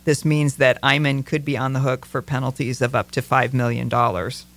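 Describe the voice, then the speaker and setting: Gravelly-voiced man discussing politics. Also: mid-range voice, level tone, normal speed, fairly bright tone. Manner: thoughtful, hesitant, many fillers and restarts. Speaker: political talk show co-host.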